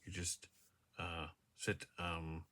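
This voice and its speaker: A man's voice: deep voice, completely flat delivery, takes it slowly, sharp tone. A man talking casually to his device camera in a room, rambling and hesitant with many fillers and restarts, often laughing at himself. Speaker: vlogger. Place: a room indoors. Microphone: device camera mic.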